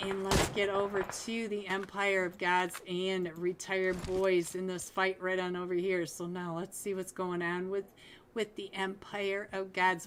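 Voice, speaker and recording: A woman calling a mobile esports match alone, chatty and upbeat, with bursts of excitement at big plays, and losing her voice. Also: medium pitch, slight background noise. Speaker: esports caster. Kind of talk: solo live game commentary.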